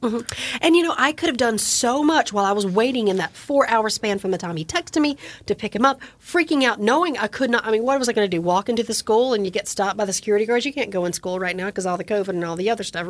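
Woman, forties, podcast co-host, casual chat, acts out quoted voices, higher voice, dry studio sound. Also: fast, no echo. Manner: animated storytelling with quoted voices.

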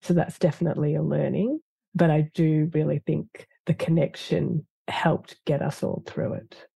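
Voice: medium pitch, level tone, moderate pace, vocal fry, warm tone, breathy edge, dry recording. A government lawyer, a guest in an interview, answering in a reflective and earnest way with frequent fillers.

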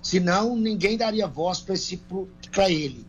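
A man's voice: high voice, expressive, unhurried, lo-fi sound, soft background music. A man from Brazil, a country singer answering interview questions in a folksy, colloquial way over a remote call. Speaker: guest singer. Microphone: remote call, phone or earbuds.

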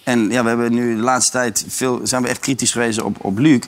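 A man's voice: mid-range voice, level tone, brisk. A man analysing match footage as a football pundit in a casual podcast chat.

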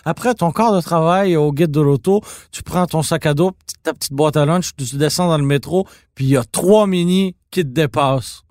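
A man with a Québécois French accent co-hosting a podcast, telling stories in a teasing, animated way. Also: fairly high pitch, normal speed, hardly any pauses, no room sound, studio quality. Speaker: podcast co-host. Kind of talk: casual podcast chat about car films.

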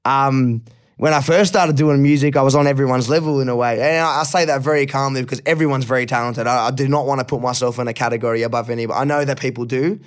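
An Australian man speaks in a steady, middle-pitched voice as a podcast guest. He talks openly and thoughtfully, drops the odd swear word, and stumbles over repeated words when a point hits home. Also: fast talker, smooth. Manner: candid, reflective, swears casually, repeats words when emotional. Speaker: guest rapper. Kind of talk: casual podcast interview.

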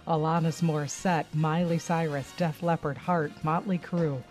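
A woman's voice: sits low, level tone, moderate pace, darkish tone, faint music behind. A woman co-hosting a morning radio show, chatting and reading news stories in a conversational way, laughing easily. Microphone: studio microphone.

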